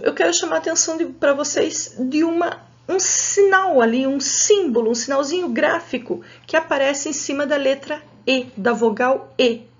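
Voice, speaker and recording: A woman teacher with a Brazilian Portuguese accent, giving an adult literacy lesson slowly and patiently and sounding out each syllable. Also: high voice, lo-fi sound.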